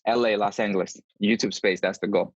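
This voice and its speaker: A man who is an endurance runner guests on a podcast over a video call, sharing his own experiences casually and earnestly. His lowish voice has fairly even intonation and runs a little fast. The lo-fi call audio sounds dull, with no room sound.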